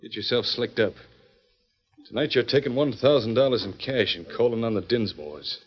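An actor playing a stern, scheming outlaw gang leader in an old-time western drama, commanding and full of folksy frontier slang. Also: male voice, mid-range voice, moderate pace, slightly rough, natural voice. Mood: menacing. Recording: dull lo-fi vintage recording.

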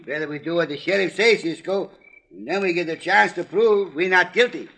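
A man playing an excitable, simple-hearted cowboy sidekick who speaks broken English. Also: sits high, brisk. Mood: eager.

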